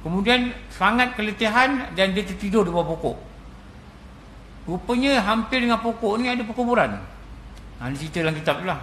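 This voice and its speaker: A man's voice: a little high, fairly bright tone. A man with a Malaysian Malay accent giving an evening religious lecture in a prayer hall, chatty and full of rhetorical questions. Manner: conversational preaching with rhetorical questions and quoted dialogue. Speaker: religious teacher. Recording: echoey prayer hall, faint noise.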